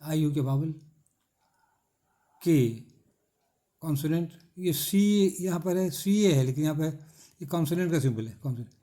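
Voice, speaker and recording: Dark-voiced man drilling syllables in Hindi. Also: on the high side. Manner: drills by repeated questions and answers, spells letters aloud; stretches out key words slowly. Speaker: English teacher. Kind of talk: classroom lecture.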